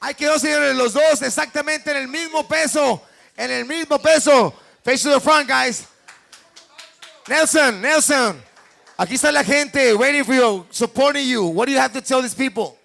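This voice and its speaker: A man's voice: extremely high pitch, moderate pace, gravelly, fairly bright tone. A man hosting a boxing weigh-in as a bilingual hype announcer, repeating catchphrases and drawing out his calls. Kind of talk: hype boxing announcing switching between Spanish and English.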